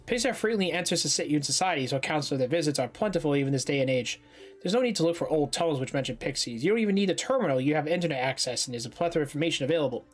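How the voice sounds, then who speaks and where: A man's voice: a little high, expressive, very fast, faint music behind. A man reading aloud as a matter-of-fact female academy librarian on a stream. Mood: brisk.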